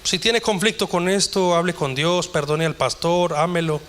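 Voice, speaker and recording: A male pastor delivers a sermon in a church. His voice sits high and rings bright as he quotes scripture and voices imagined speakers, building in intensity as he preaches. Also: moderate pace, slight background noise.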